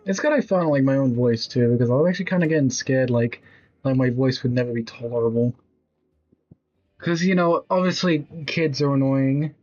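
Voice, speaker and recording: A man's voice: medium pitch, moderate pace, darkish tone, dull audio. Man rambling over a video game. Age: 20s. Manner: rambling, blunt, swears casually. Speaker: streamer. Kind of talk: casual gameplay commentary.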